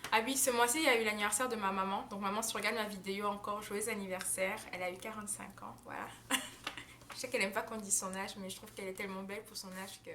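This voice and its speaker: A woman's voice: medium pitch, steady tone, very fast, hardly any pauses, background noise. A young woman au pair chatting in a casual vlog, talking freely with many fillers and restarts and laughing often. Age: young adult. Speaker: au pair vlogger. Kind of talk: casual monthly recap vlog. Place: home in the United States.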